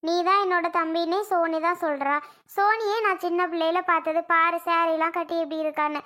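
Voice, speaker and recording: A woman's voice: very high-pitched, steady tone, a little fast, pushed and bright. A woman voicing a confused young woman with lost memory in a cartoon, plaintive and bewildered. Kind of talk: cartoon voice acting.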